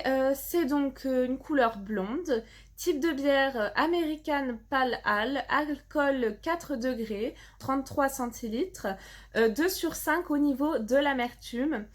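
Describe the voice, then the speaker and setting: Chatty French woman, slightly high voice. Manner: chatty, many fillers, reads labels aloud. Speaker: box unboxing vlogger. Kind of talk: casual unboxing review.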